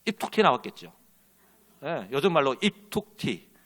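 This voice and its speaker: A man's voice: on the high side, big pitch swings, moderate pace, a bit bright. A man preaching a sermon as pastor, telling a story and leading the congregation in call and response. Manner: tells an illustrative story with quoted characters.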